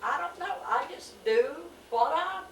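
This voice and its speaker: A woman's voice: high-pitched, animated, a little slow, noisy background. Chatty woman in her seventies, distant and echoey. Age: 70s. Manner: chatty, rambling, frequent laughs. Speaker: family member chatting with her sisters. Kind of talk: casual home-video chat. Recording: echoey, distant home camcorder recording.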